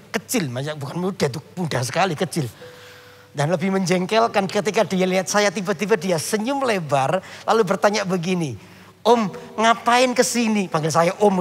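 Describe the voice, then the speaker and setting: A man's voice: high voice, slightly rough. A male pastor telling a humorous story in a sermon and often addressing the congregation.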